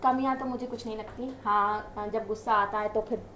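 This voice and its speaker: A woman guest in a casual interview, talking a lot and telling animated stories about her marriage. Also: a little high, fairly quick, roomy sound, a little hiss or hum. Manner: talkative, animated storytelling.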